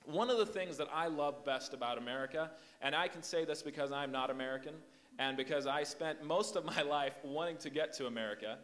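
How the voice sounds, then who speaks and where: A young man preaching to a youth group in a fairly high, lively voice. He grew up in Hong Kong and the Philippines. He talks in an animated, emphatic way and keeps repeating words as he builds each point. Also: brisk. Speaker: invited youth speaker. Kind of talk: youth sermon.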